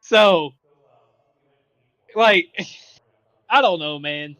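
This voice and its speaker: A racing driver with an Australian accent, laid-back and joking in an interview. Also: male voice, high-pitched, drawn-out words, a bit bright, clean tone, no room sound, muffled recording. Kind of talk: post-qualifying interview.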